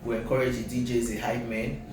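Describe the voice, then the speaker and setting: A man's voice: medium pitch, flat delivery, fairly quick. Nigerian guy being interviewed in pidgin n english, mid voice, super echoey and noisy. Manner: often checks "you understand". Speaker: company CEO, interview guest. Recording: very echoey, distant mic, noisy.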